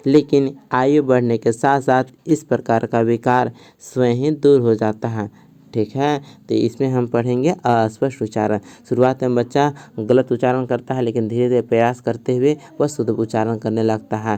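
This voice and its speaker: A man's voice: medium pitch, dark tone, clear, resonant tone. A man giving an exam-prep lesson, reading from a textbook and then explaining it again in simpler words, often checking with "theek hai". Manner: mixes English terms into Hindi explanation. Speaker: teacher.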